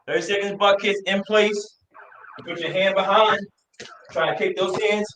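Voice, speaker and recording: High-pitched male aerobics instructor in echoey room. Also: fairly even intonation, moderate pace. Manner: encouraging, with shouted cheers. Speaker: fitness coach. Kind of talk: aerobics instructor leading a workout, counting reps and calling out exercises. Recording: echoey room, distant mic, faint noise.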